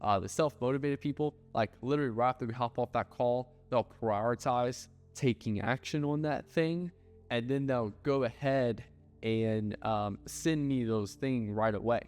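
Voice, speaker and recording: A man's voice: mid-range voice, normal speed, darkish tone. A man giving casual business advice, blunt and loose, with lots of filler words and the odd swear. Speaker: ad agency owner. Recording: hall reverb with faint music.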